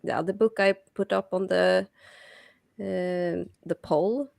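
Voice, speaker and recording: Gravelly woman in casual chat. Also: lowish voice, fairly even intonation, slow pace, a little mellow. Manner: hesitant, laughing, trails off. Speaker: book club member. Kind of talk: casual book club chat.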